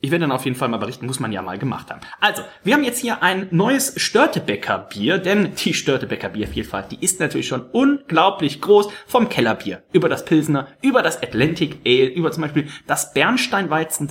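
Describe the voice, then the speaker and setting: A man hosts a casual podcast chat in a slightly high voice. His pitch swings widely as he tells rambling, animated stories. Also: moderate pace. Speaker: podcast host.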